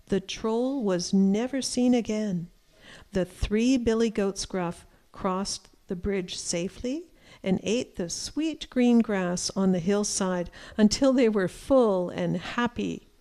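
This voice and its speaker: Slow, mellow-voiced woman reading aloud. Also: medium pitch. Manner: clear, deliberate and explanatory. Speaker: reading teacher. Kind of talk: slow read-aloud storytelling for young children.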